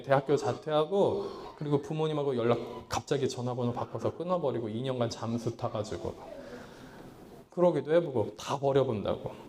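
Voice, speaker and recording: A man preaching a sermon as pastor, swinging between loud pleading lines and low hushed ones, acting out his own past thoughts in quotes. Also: slight background noise. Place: small church hall.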